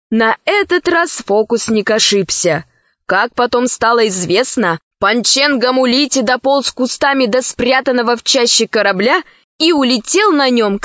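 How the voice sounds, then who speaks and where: A woman narrating a children's story aloud in a calm, even storytelling manner. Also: fairly high pitch, unhurried, no echo, highs cut off. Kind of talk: audiobook narration.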